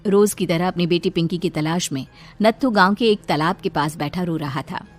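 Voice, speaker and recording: A woman narrating a cartoon story in a steady storytelling voice, with soft music behind. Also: lowish voice, moderate pace.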